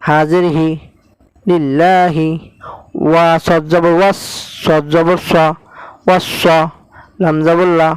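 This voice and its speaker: A man's voice: fairly high pitch, flat delivery, slow pace, long pauses, smooth, no room sound, rough recording. A man teaching recitation, spelling out each syllable and then blending it into the word, with a Bangladeshi Bengali accent. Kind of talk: slow spelled-out recitation lesson.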